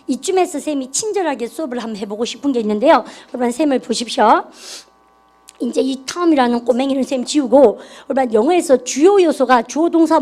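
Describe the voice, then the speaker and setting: A woman's voice: high voice, a little mellow. A woman teaching an English grammar class, encouraging students and leading them through call-and-response drills. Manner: encouraging, repetitive, calls herself 쌤. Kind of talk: classroom lecture.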